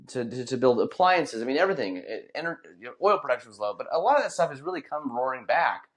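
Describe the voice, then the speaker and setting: A man's voice: medium pitch, sing-song, fast talker. A man co-hosting a podcast in casual chat, rambling with many restarts and fillers. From Northern California. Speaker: podcast co-host.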